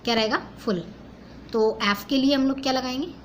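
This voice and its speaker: Young female teacher, Indian English accent, slightly high pitch, patient step-by-step explainer; light background noise. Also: normal speed, rough recording. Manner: explains step by step, asks and answers own questions; mixes Hindi and English. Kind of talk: phonetics lesson.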